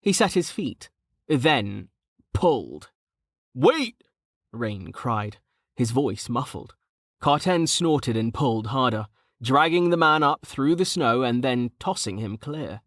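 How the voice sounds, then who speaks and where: Male audiobook narrator, measured fantasy delivery, unhurried, dead-dry booth sound. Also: mid-range voice, no echo. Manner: measured, steady storytelling.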